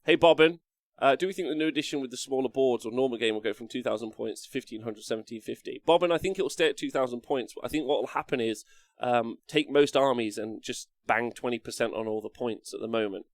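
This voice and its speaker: A man hosting a casual livestream, rambling as he reads out and answers chat messages in an animated way. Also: medium pitch, fast talker, dry recording, studio quality. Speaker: streamer host reading and answering live chat. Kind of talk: casual livestream chat about tabletop wargaming.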